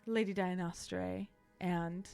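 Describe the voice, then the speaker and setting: A woman's voice: lowish voice, steady tone, slow, gravelly, darkish tone, faint music behind. A woman narrating as game master in a tabletop game, chatty and loosely improvised, with plenty of fillers.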